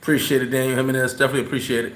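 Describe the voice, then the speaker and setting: A man's voice: mid-range voice, flat delivery, rapid-fire, a bit bright. A man hosting a casual livestream, answering his chat in a loose, rambling way and repeating words when he gets worked up. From New York. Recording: roomy echo.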